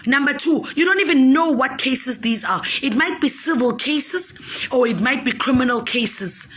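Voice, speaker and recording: Woman, foundation spokesperson, high bright voice, firm and repetitive on-camera statement. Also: expressive, normal speed. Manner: emphatic and insistent, repeating key points.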